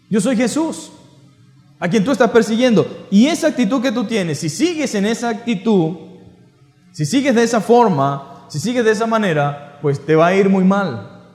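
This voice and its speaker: A Venezuelan pastor preaching with a fairly high voice, pressing his listeners with one rhetorical question after another. His voice rings through an echoey church hall with a long reverb tail. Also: darkish tone. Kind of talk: sermon.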